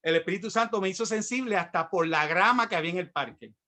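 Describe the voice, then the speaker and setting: A middle-aged pastor with a Puerto Rican Spanish accent delivers a sermon that includes his personal testimony, telling his own story and acting out the voices of the people in it. His voice sits high and sounds sharp, and he speaks fast.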